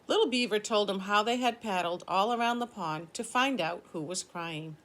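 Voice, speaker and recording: A woman's voice: mid-range voice, moderate pace, a bit bright. An older woman reading a children's story aloud, explaining things simply as a teacher would to young listeners.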